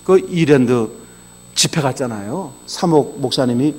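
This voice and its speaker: A man preaching a sermon in a folksy, conversational way, telling anecdotes and moving between quiet asides and raised exclamations. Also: measured pace, breathy edge. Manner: animated storytelling, swinging between low asides and raised exclamations. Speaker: pastor.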